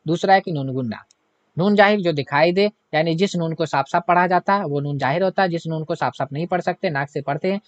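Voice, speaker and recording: Male grammar teacher, high voice, repetitive self-answering questions, dull dry recording. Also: no room sound. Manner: asks the class questions and answers them himself; repetitive, keeps adding "hai na". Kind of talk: online grammar lesson.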